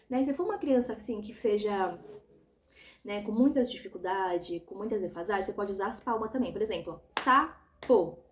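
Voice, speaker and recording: A woman explaining an assessment step by step, patiently and often checking that the listener is following. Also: fairly high pitch. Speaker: educator explaining a child assessment. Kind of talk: instructional tutorial.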